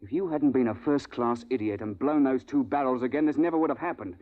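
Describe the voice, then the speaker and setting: In a 1950s radio drama, an actor plays a seasoned time-travel big-game hunting guide who narrates and leads the story, dry and unflappable. His medium-pitched male voice is quick, clipped, dryly ironic and lightly acted, with a contemptuous mood. The old recording sounds dull and includes music.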